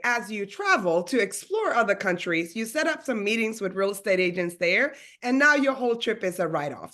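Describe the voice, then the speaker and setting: Over a video call, a realtor and business coach from Sweden runs her webinar in an easygoing, upbeat, conversational style. She speaks in a mid-range voice that's a bit bright.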